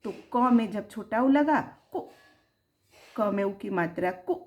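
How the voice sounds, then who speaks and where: A woman teaching young children, sounding out syllables slowly and lifting her voice on each example word. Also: mid-range voice, animated. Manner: slow, drawn-out, sounding out syllables; sing-song, rising on the example words. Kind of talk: children's Hindi lesson.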